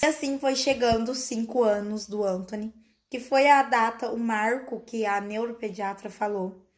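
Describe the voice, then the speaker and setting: A woman, a mother telling her child's story to viewers in an earnest, explanatory vlog. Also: a little high.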